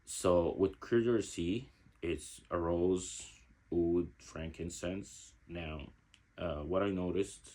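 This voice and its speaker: Male reviewer, low-pitched and slightly husky, talking things through slowly. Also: fairly even intonation, warm tone. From Egypt. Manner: reflective, searching for words. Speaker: fragrance reviewer. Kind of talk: casual product review.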